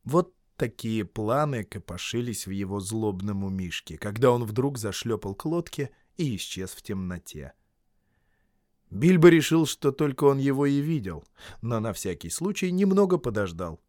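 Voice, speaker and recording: A man reading a fantasy tale aloud as an audiobook, with expressive storytelling and dramatic shifts in loudness. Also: on the low side, normal speed, no echo, studio quality. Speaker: audiobook reader. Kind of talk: scripted narration.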